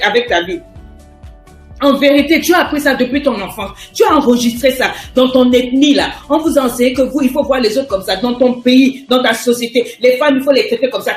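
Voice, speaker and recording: A woman life coach on a motivational live stream, talking emphatically and hammering the listener with repeated rhetorical questions. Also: sits high. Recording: roomy echo with faint music.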